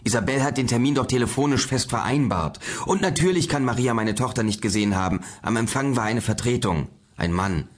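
A man's voice: medium pitch, animated, a little fast, hardly any pauses, voice pushed up, natural voice. A man voicing a panicked father insisting on what happened to his missing daughter, in an audiobook thriller. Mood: frantic. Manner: frantic, breathless insistence.

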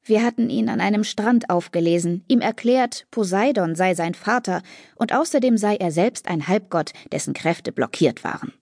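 A woman reads a first-person fantasy audiobook in a steady, even storytelling voice. Her pitch sits in an ordinary middle range. The recording is close and dry, with no room sound. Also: normal speed, creaky, no room sound. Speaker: audiobook narrator. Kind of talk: first-person scripted narration. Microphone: close studio mic.

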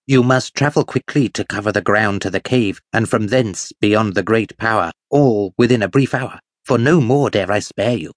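Man putting on a high, querulous old miser, greedy and fearful, for an audiobook. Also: moderate pace, hardly any pauses, no echo, clean studio sound, natural voice. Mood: urgent. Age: older. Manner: shrill, wheedling and querulous. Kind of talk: audiobook character voice.

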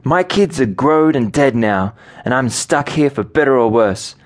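A man's voice: medium pitch, lively intonation, measured pace, pitched above the performer's own voice, natural voice. A male narrator voicing a tough, short-tempered frontier woman who talks with a blunt, folksy drawl. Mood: weary, resigned. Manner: blunt, snappish. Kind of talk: audiobook character voice.

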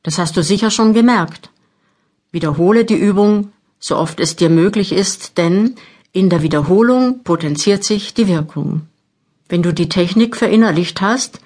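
A woman narrating a guided meditation audiobook, giving measured instructions with long pauses. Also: mid-range voice, a little mellow. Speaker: mental training narrator. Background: new-age music.

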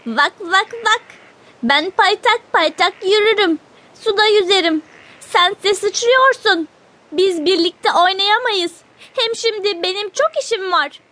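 Storybook duck, busy and dismissive, voiced by a woman; very high and bright. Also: heavily acted. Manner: high, slow, matter-of-fact. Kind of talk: children's audiobook reading.

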